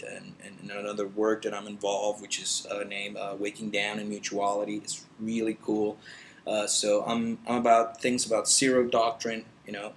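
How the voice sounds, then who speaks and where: This meditation vlogger from El Salvador speaks to his computer from inside a meditation center, rambling casually and often restarting or using fillers. He has a fairly low voice. The audio quality is poor, carrying a little hiss or hum.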